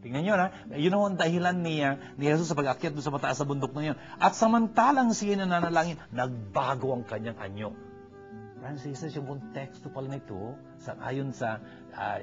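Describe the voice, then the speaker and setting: A man with a Filipino accent preaching a sermon, mixing English phrases into his talk with many fillers. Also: medium pitch. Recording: dull lo-fi recording with faint music.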